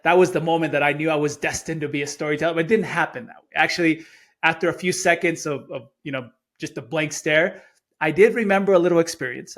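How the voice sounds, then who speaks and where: Telling a personal story as an interview guest on a podcast, this middle-aged man grew up in Chile speaking Spanish first. There's an earnest quality to his fairly bright, slightly high voice, and he tends to repeat words before getting a sentence going.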